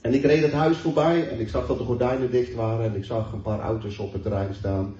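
A man's voice: mid-range voice, steady tone, a little fast, warm tone. A man preaching a sermon, telling a personal testimony in an earnest storytelling way and reading scripture aloud. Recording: roomy, distant, dull hall mic.

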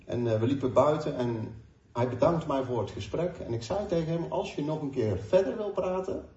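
A man's voice: fairly high pitch, expressive, normal speed, dark tone. A man in his forties preaching a sermon, earnest, retelling conversations with frequent hesitations. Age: 40s. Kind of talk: sermon with personal stories. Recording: distant, dull, echoey room.

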